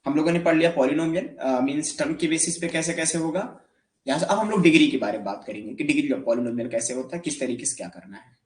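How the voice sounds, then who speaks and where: A man's voice: on the high side, expressive, quick pace, reverberant. A man giving a math lecture in Hindi, asking his students questions and answering them himself. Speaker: math teacher. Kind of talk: classroom lecture.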